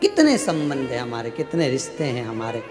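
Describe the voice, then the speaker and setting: A man preaches a sermon in an animated way, telling a story and acting out its characters in short bits of dialogue. He speaks at normal speed with a medium pitch, in an echoey hall with faint music.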